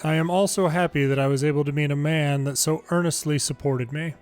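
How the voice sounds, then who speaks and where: Speaking fairly quickly with fairly even intonation, a man with a voice on the high side reads game story text aloud. Like an amateur longplay narrator, he adds casual commentary while game music plays underneath.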